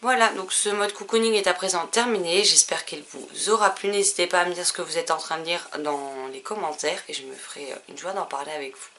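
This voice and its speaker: A woman's voice: on the low side, fairly quick, hardly any pauses, a bit bright, slight background noise. A woman vlogger chatting casually about her book purchases, rambling and full of hesitations. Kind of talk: casual book haul chat.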